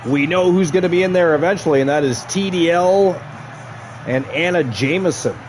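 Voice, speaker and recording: A man's voice: a little high, moderate pace, faint music behind. A man doing lucha libre play-by-play as a wrestling announcer, drawing out key words for emphasis. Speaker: wrestling commentator.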